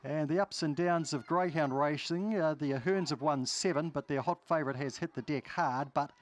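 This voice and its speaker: A man's voice: fairly high pitch, moderate pace. A man with a New Zealand accent calling greyhound races live, listing runners in short clipped phrases. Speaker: greyhound race caller. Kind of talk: live race commentary.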